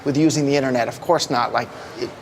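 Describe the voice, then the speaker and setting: A man's voice: medium pitch, fast, a little hiss or hum. A man speaking earnestly and emotionally as a Bitcoin advocate addressing a crowd. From United States. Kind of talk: impassioned public talk.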